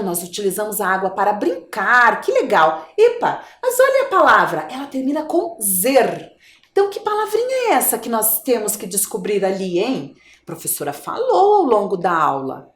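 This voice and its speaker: A woman's voice: on the high side, roomy sound. A woman with a Brazilian Portuguese accent, teaching a video lesson to young children and coaxing them with questions. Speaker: primary school teacher.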